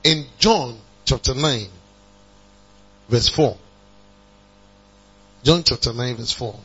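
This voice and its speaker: A man preaching a sermon, calling on the congregation to respond and building to emphatic high passages. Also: bright, forceful tone, breathy edge. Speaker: pastor. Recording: dull lo-fi recording with mains hum.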